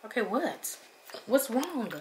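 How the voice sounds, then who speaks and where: A woman's voice: on the high side, very animated, slow, a little mellow. A young woman in casual chat, teasing and questioning someone in a bedroom. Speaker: vlogger's partner. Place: bedroom at home. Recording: echoey room with background noise.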